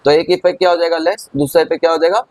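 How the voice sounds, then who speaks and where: A man's voice: fairly high pitch, steady tone, rapid-fire, darkish tone, dry recording, low-quality recording. A man teaching an accounting lesson in a chatty way, talking straight to his students as he works through a problem. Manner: chatty, addresses students as kids. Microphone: recorded over on-screen writing.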